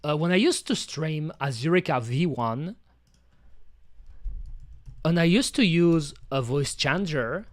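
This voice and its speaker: A man's voice: a little high, lively intonation, slow pace, long pauses, no room sound. A man chatting casually on his stream, rambling and talking to himself with many fillers and restarts. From French-speaking. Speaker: VTuber streamer.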